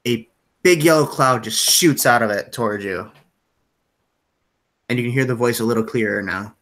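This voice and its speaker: A man's voice: mid-range voice, moderate pace, a bit bright. A man running a tabletop game as game master over a video call, describing scenes loosely with lots of fillers.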